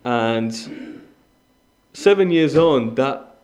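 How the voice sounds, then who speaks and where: He draws out his words with lively intonation in a darkish mid-range voice, a bit of hiss or hum in the background. This young Iranian man is a guest preacher giving a sermon with personal testimony, earnest and conversational, stumbling into restarts and fillers.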